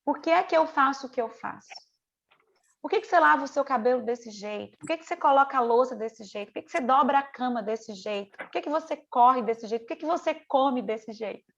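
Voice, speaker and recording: A woman's voice: high voice, animated, fairly quick, creaky, fairly bright tone, highs cut off. A middle-aged woman, teaching a mentoring group over a video call in an earnest, conversational way, full of rhetorical questions. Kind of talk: online mentoring lesson.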